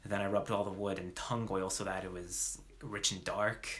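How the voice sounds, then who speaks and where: A man's voice: sits low, flat delivery, normal speed, fairly bright tone. A man playing Jesse Pinkman, slangy and hesitant. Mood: earnest. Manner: hesitant, slangy, full of fillers and restarts. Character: young male ex-drug dealer, slacker gone remorseful. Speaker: actor. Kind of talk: dramatic monologue performance.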